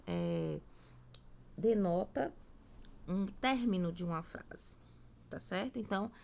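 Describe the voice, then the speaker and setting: A woman's voice: mid-range voice, vocal fry, a little mellow. A woman, teaching a recorded grammar lesson, explaining step by step and often checking in with her students.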